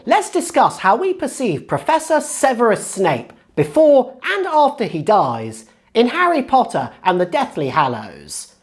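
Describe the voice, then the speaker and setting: Woman narrating with swooping, lively pitch. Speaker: narrator of a writing-tips video. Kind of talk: scripted narration.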